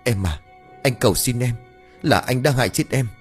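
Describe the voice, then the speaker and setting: A man's voice: lowish voice, brisk, darkish tone, faint music behind, lightly acted. A man voicing a worried young husband who calls out and pleads in an anxious, raised voice. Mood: anxious pleading.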